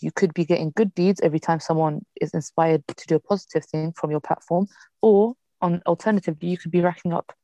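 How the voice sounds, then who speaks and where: A woman from Morocco who works as a teacher, co-hosting a podcast and telling a story in casual chat, animated and acting out the people she quotes. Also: lowish voice, gravelly, dry recording.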